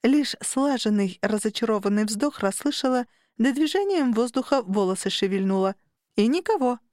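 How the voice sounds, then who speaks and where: A woman narrating a first-person audiobook in a lively, expressive, playful way. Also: a little high, moderate pace, no echo, clean studio sound.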